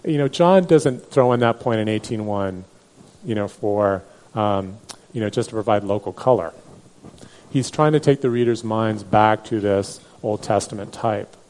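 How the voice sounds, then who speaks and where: A man's voice: lowish voice, moderate pace, mellow. A man teaching a Bible class in a conversational way, with many fillers and restarts. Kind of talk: Bible study lecture.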